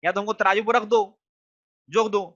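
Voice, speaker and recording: Teaching an online class, a man speaks in a high, bright, ringing voice and keeps repeating questions until his students respond. His tone stays steady and his pace moderate. The recording sounds dull and lo-fi.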